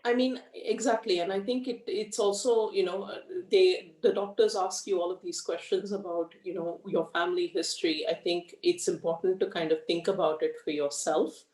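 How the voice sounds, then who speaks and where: A woman's voice: fairly low pitch, fairly even intonation, darkish tone. Woman, roomy distant sound. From India, raised in Australia. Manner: frank, measured, many fillers. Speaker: guest. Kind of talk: conversational interview. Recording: echoey room, far from the mic.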